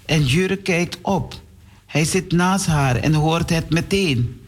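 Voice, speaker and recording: Gentle slow-reading storyteller man. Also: on the high side. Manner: gentle, addresses children directly. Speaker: children's storyteller. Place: radio studio.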